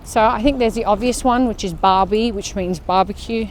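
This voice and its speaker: An Australian woman talks her listeners through a walk in a casual, chatty way, sounding like she is moving outdoors. Her voice sits at an ordinary middle pitch, with faint outdoor sound in the background. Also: normal speed, slight background noise. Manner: chatty, talking while walking outdoors. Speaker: fitness vlogger leading a walk. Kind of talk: casual walk-along chat. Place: outdoor park path.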